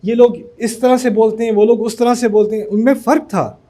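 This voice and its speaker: A man from Pakistan speaks to a university audience in a loose, storytelling way. His voice sits fairly high for a man. He slips English words into the flow as he talks. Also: steady tone, warm tone. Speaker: speaker addressing university students. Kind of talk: motivational talk.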